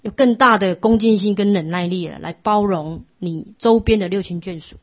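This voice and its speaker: A middle-aged woman, giving a patient, instructive Buddhist class lecture that often drops to a soft hush. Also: mid-range voice, normal speed. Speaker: Buddhist teacher. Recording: lo-fi muffled recording.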